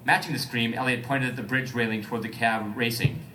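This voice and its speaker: A man's voice: medium pitch, fairly even intonation, brisk, sharp tone, a little hiss or hum. A man reading a story aloud for comedy and breaking off to joke and ad-lib. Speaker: comedic reader.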